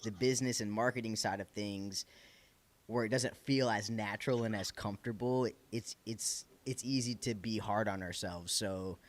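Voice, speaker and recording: A man's voice: fairly low pitch, normal speed. A man with a Michigan accent hosting a casual interview, speaking in a slangy, encouraging, informal way. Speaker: podcast host.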